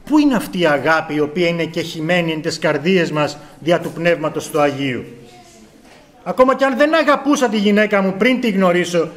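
A man's voice: high voice, animated. A middle-aged man preaching a sermon with earnest rhetorical questions and rising emphasis.

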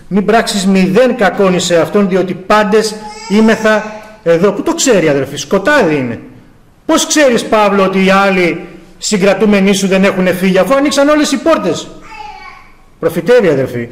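Man preaching with fervour, high-pitched voice, rising to cries and dropping low. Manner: impassioned, swings between loud exclamations and low intense tones; rhetorical questions to the congregation. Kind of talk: sermon.

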